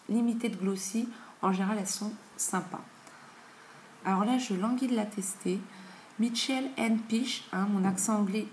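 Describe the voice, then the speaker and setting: A woman in her thirties talks through beauty products in a relaxed, chatty way and often pauses on fillers. Her voice sits at a middle pitch. It is recorded on a camera mic in an echoey room at home, with faint noise behind her. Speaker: beauty vlogger. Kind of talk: casual product review.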